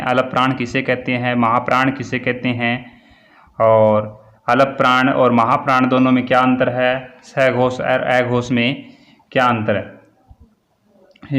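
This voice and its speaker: Man, grammar teacher, slow and flat delivery, repeats each term for dictation. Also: medium pitch. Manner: slow, repetitive dictation, word by word. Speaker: Hindi teacher. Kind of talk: classroom grammar lesson.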